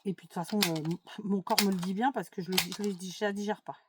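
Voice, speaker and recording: A woman's voice: mid-range voice, fairly even intonation, quick pace. A middle-aged woman from France chatting to her viewers, opinionated and full of fillers and asides, with a noisy home recording. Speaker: YouTube vlogger. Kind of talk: casual chat to camera while doing a craft task.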